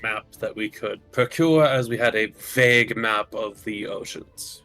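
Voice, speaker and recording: A man playing a tabletop game, making dry, deadpan jokes and asking the game master questions. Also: on the low side, measured pace, soft background music. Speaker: player. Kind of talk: casual tabletop game chat.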